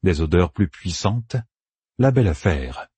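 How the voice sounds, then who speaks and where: A man narrating a fantasy audiobook in a measured, even storytelling manner. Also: low-pitched, breathy edge, no room sound.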